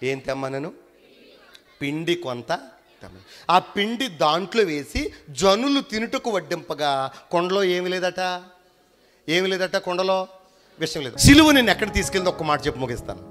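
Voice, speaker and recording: A man with a Telugu accent preaching a sermon, pushing his congregation to answer back loudly and swinging from shouted lines to quiet ones. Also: high voice, expressive, moderate pace, long pauses. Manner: emphatic call-and-response preaching, urging the congregation to answer loudly. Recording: long hall reverb.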